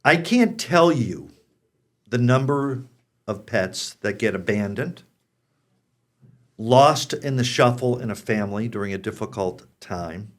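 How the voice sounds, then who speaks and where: An American man in his sixties hosting a pet show, speaking conversationally and addressing the audience directly. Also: fairly low pitch. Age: 60s. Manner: frank, direct address to viewers.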